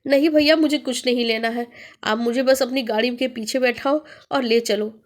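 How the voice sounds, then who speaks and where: A woman's voice: fairly high pitch, fairly even intonation, moderate pace, close to an everyday voice. A woman voicing a frightened young man who rents a haunted house, pleading in a rising, panicked voice.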